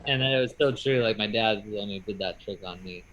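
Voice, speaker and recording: A man's voice: lowish voice, fast, fairly bright tone, low-quality recording. A man who does magic, talking casually and rambling upbeat on a video call. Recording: faint noise on a video call.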